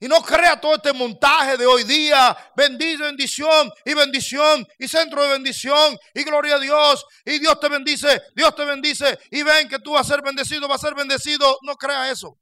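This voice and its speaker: A man preaching a sermon as pastor, swinging between soft low asides and loud raised exhortations to his listeners. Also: flat delivery, normal speed, hardly any pauses. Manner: impassioned preaching, addresses listeners as brothers.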